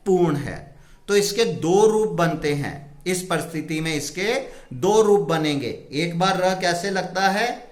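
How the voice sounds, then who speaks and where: Slow, high-voiced male Hindi teacher. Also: fairly bright tone, roomy sound. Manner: asks questions and answers them himself. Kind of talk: slow explanatory lesson with rhetorical questions.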